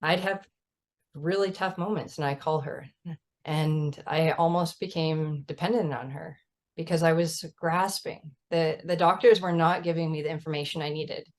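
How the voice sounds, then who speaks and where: A woman's voice: deep voice, steady tone, moderate pace. A mother of a child with type 1 diabetes, talking earnestly and emphatically in a casual chat over a video call, often adding "right?". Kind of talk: casual conversational storytelling.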